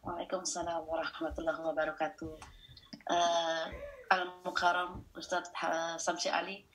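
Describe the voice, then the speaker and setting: A woman's voice: on the low side, little pitch movement, measured pace, a bit bright, a little hiss or hum, low-quality recording. A woman moderating a discussion over a video call, with polite, formal greetings.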